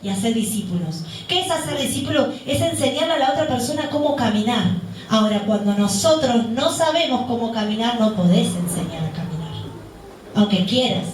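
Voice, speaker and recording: A woman's voice: fairly high pitch, animated, brisk, slight background noise. Woman preaching in an echoey church. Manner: asks the congregation questions and answers them herself. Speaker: deaconess preaching. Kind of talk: sermon. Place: church hall. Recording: very echoey hall, voice picked up from a distance.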